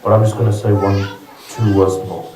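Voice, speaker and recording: A man's voice: lowish voice, little pitch movement, normal speed. A man giving an emotional sermon to a gathering, pleading and repeating his lines. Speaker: preacher. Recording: echoey hall, from a distance.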